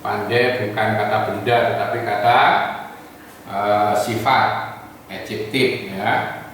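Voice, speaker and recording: A male teacher works through his examples one slow step at a time, tagging almost every phrase with a quick "ya". He is heard from some way off the mic, in a strongly echoing room with a faint hiss of background noise. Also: lowish voice, fairly even intonation, fairly bright tone, far from the mic. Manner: slow, patient, repeats "ya" and each example. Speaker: English teacher. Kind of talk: classroom lesson explanation.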